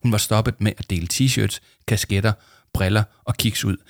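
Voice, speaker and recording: A man calmly reading a children's book aloud as narrator. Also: on the low side, no room sound, clean studio sound.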